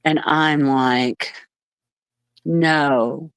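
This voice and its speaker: A woman telling family stories in a casual live chat, animated and laughing often. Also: deep voice, extremely slow, clean tone, dry recording. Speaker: live stream co-host.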